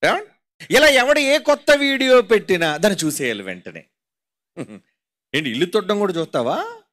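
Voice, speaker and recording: A man with a Telugu accent delivers a sermon in a high voice that swoops up and down. He mocks his listeners and keeps firing rhetorical questions at them. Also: big pitch swings, normal speed, a bit bright. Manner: mocking, rhetorical, constantly asking the audience. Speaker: pastor.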